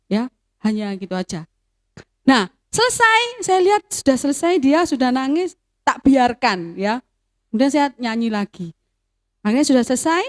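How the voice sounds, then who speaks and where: High pitched woman telling a youth group her faith story, chatty. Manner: storytelling, drops into Javanese phrases. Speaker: youth speaker. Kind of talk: testimony sermon to youth.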